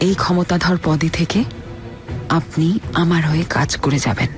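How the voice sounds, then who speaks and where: An actress dubbing a sultana who instructs a newly appointed official in a TV drama. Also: female voice, low voice, lightly acted. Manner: measured, instructing. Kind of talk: dubbed TV drama. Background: music.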